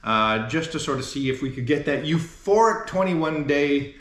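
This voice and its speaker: A man hosts a casual vlog, chatting and rambling in a fairly high, expressive, slightly bright voice at normal speed. He's indoors in an almost empty apartment whose bare room echoes like a stairwell.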